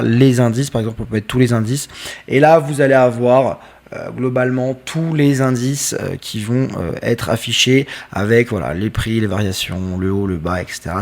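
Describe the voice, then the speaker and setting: A man talks viewers through trading software in a relaxed screen-share tutorial. He speaks at a middle pitch and keeps it casual and direct, with plenty of fillers as he goes. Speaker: trading educator.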